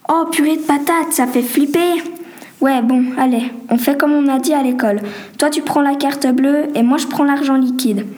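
A woman voicing a lively, bossy teenage girl who talks in quick exclamations. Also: sits high, lightly acted. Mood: excited.

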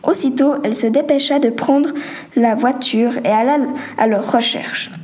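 A woman reading a homemade story aloud in a plain, slightly halting way. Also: a little high, darkish tone.

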